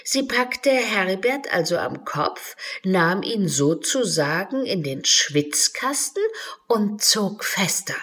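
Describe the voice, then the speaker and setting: A woman reading a children's storybook aloud, slow and measured, dropping to whispers at times. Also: medium pitch, big pitch swings, a bit bright, breathy edge. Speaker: narrator.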